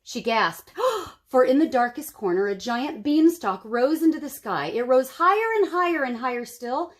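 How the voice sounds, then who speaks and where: As a story-time host, a woman reads a children's storybook aloud with dramatic, explanatory narration. Her high voice is expressive and she speaks at a normal speed.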